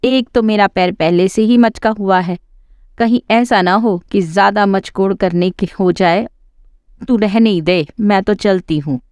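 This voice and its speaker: A woman's voice: mid-range voice, a little slow, darkish tone, clear, resonant tone, no echo, natural voice. A woman voicing a limping female neighbour who complains about her sore foot. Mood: complaining.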